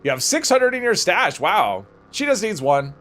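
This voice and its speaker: A man's voice: high voice, big pitch swings, normal speed, fairly bright tone. A man hosting a livestream, casually thinking aloud as he plays and rambling off into conversational asides. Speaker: livestream host.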